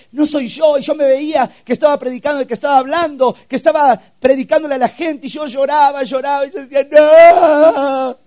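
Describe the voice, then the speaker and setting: A man's voice: very high voice, a little mellow. A young man preaches his testimony to a youth camp. He tells the story with feeling and acts out scenes with sound effects. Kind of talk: testimony sermon.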